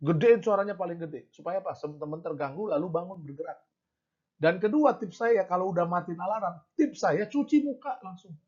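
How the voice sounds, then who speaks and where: A man's voice: high-pitched, a little fast, darkish tone, slightly rough. A man giving an informal devotional talk, addressing listeners directly and acting out little quoted remarks. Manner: conversational, addresses audience directly, acts out quotes. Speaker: preacher. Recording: dull lo-fi sound.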